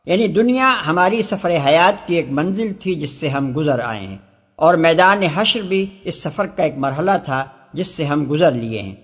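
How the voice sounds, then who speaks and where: A man reads scripture commentary in a measured, formal delivery. His voice sits a little high. The sound is dull and lo-fi, with a long reverb trailing each phrase. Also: animated, breathy edge. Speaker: commentary reader.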